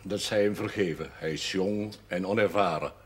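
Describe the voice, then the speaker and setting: An elderly parish priest speaks in a deep, husky male voice, firm and authoritative. His formal, measured speech is sprinkled with French phrases, performed as 1970s television drama acting.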